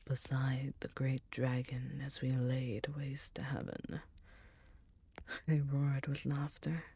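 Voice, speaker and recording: A woman performs an ancient succubus demon queen in an intimate ASMR roleplay, her voice very deep, dark and mellow and often sinking into soft, breathy whispers. She talks slowly, tender and teasing yet remorseful, with a wistful, solemn mood. The delivery is heavily acted.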